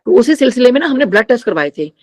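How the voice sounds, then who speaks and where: A woman's voice: on the high side, very animated, very fast. A middle-aged woman tells a spiritual testimony to a gathered congregation. She speaks to them directly and often, slipping English phrases into her Hindi. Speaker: devotee sharing a testimony.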